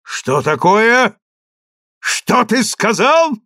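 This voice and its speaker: A man voicing a fierce, burly Greek man who roars his words in a slow, threatening way. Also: high voice, wildly swooping pitch, gravelly, a bit bright, no echo, clean studio sound, pitched above the performer's own voice, exaggerated voice. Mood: furious.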